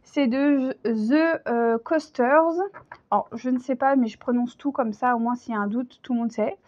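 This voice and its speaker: A woman's voice: a little high, moderate pace, darkish tone. A woman giving a casual tarot reading, chatty and hesitant, with many fillers. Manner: chatty, hesitant, full of fillers, laughs easily. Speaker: tarot reader. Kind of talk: casual spoken tarot video. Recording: dull lo-fi sound.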